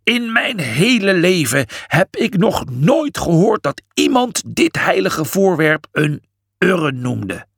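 Male reader voicing a pompous old priest for a storybook, slow and indignant, gravelly. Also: high voice, animated, fairly bright tone, no echo, clean studio sound, voice pushed up, heavily acted.

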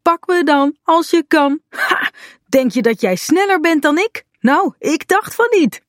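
An excitable little boy in a storybook, voiced by a woman, shy at first and then loud with play. The voice sits well above her own, squeaky and rising, with a dry, close sound. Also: measured pace, dry recording. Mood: excited. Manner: eager, squealing cries for help.

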